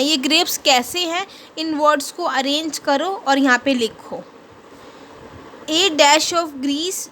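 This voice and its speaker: A woman with a high, light voice teaches an English worksheet to children. She is patient, explains step by step and spells words out letter by letter. Faint noise runs behind her. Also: fairly bright tone. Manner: patient, asks questions then answers them, spells words letter by letter. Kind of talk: classroom lesson explaining a worksheet.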